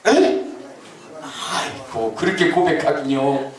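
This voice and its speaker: A man preaching a lively Sunday sermon as pastor, teasing the congregation with questions and acting out mock voices. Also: mid-range voice, slow. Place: church sanctuary. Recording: echoey church hall, mic at a distance.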